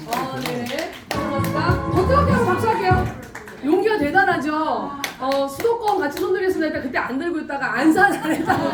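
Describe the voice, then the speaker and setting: A middle-aged woman hosting a camp event, speaking to a large audience in a lively way and laughing often. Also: high voice. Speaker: event host. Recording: echoey hall, distant mic, crowd noise.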